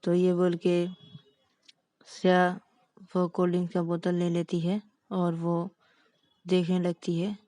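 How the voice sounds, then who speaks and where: A woman's voice: lowish voice, monotone, takes it slowly, long pauses, mellow, dry recording. A woman narrating a romance story casually, with loose repetitive links between scenes. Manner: loose, repetitive linking phrases.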